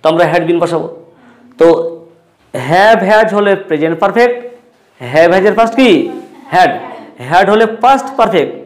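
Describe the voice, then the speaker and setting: A man's voice: high voice, lively intonation, brisk, pauses often. A man with a Bengali accent teaching English grammar, asking questions and answering them himself while repeating key words. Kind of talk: classroom-style lesson.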